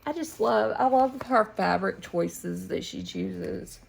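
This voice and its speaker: An American woman showing her needlework at home in a relaxed, meandering way with pauses and restarts. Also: mid-range voice, gravelly, a little hiss or hum. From United States. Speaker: flosstube host. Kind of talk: casual show-and-tell chat.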